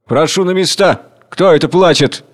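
A man reading aloud plays a hot-tempered bully of a chairman who barks orders, pitched high and loud. He shouts down everyone in the room with open contempt, in a staged drama reading. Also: normal speed, big-room sound, lightly acted. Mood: bossy.

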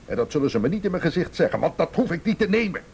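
In a naturalistic radio play, an actor voices a defensive, blustering businessman, a stepfather accused by police, who turns indignant and evasive and stammers under pressure. His voice is on the high side, sing-song, very fast and darkish, with a little hiss or hum.

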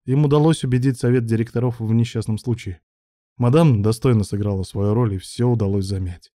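A man reading a story aloud as narrator in an even, measured way. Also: mid-range voice, no room sound, clean studio sound. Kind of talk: audiobook narration.

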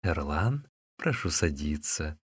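A man's voice: very deep voice, big pitch swings, slow pace, husky, dry recording, clean studio sound, pitched below the performer's own voice, exaggerated voice. A man voicing a servile, bowing male tavern keeper who speaks in an obsequious, pleading way, in a storybook reading. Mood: fawning.

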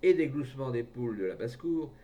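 A man's voice: medium pitch, animated, fast talker, mellow, distant mic. Man reading a story from afar. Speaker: audiobook reader. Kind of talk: reading a short story aloud.

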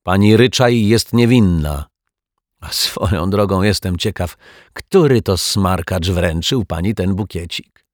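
A man's voice: low voice, measured pace, no echo, studio quality. A man voicing a flustered male building caretaker in a children's story, grumbling. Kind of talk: storybook reading.

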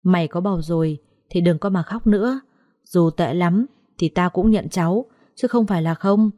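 Woman voicing an older strict matriarch, curt and flat, dry sound. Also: lowish voice, normal speed, no room sound, lightly acted. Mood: softened.

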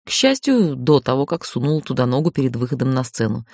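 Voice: mid-range voice, very animated, fast talker, darkish tone, dry recording. Dry-voiced audiobook narrator. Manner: wry, emotional inner monologue. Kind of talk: first-person novel narration.

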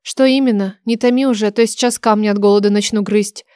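A woman's voice: medium pitch, steady tone, fast talker, mellow, smooth, no echo, clean studio sound, lightly acted. A woman voicing a young female thief, hungry, sulky and indignant, in a complaining tone, in an audiobook. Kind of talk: audiobook character voice.

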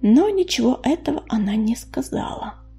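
Woman narrating a storybook, high pitch. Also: lively intonation, moderate pace, vocal fry, warm tone, breathy edge, faint music behind. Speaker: audiobook narrator. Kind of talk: scripted narration.

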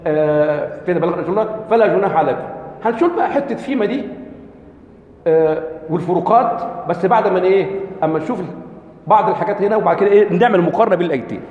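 A man's voice: high-pitched, racing, phone-quality sound. A man with an Egyptian accent giving a religious lecture, constantly asking the audience rhetorical questions. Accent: Egyptian Arabic. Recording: echoey hall with long reverb.

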